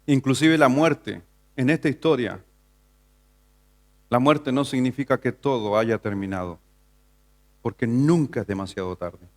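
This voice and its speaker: A man's voice: measured pace, pauses often. A man from Chile, a pastor, preaching a Sunday sermon in church, asking the congregation questions and building to emphatic passages. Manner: preaching with rhetorical questions, rising to an emphatic pitch. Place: church sanctuary.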